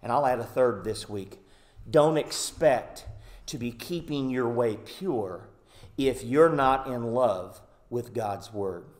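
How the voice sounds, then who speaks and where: A male pastor preaches to his congregation in an earnest, emphatic way. His voice sits at an ordinary middle pitch for a man. He often pauses with "uh" and "um" between points. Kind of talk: sermon. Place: church sanctuary.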